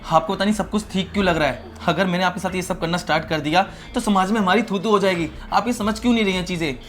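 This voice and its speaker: A man's voice: high voice, quick pace, a bit bright. A young man playing a dutiful student brother-in-law in a short film drama, earnest and exasperated. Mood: exasperated refusal. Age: young adult.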